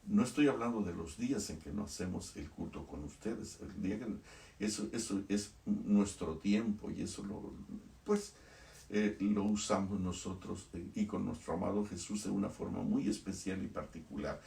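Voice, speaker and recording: Earnest low-voiced male pastor preaching. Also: vocal fry, warm tone. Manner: earnest, repeats words for emphasis, reads quotations aloud. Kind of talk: sermon. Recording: echoey room, voice a bit far from mic.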